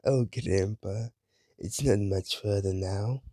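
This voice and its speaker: A man reading a young girl's lines in his own voice, slow and encouraging. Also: fairly low pitch, mellow, dry recording, studio quality. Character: young girl helping her grandfather. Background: game music.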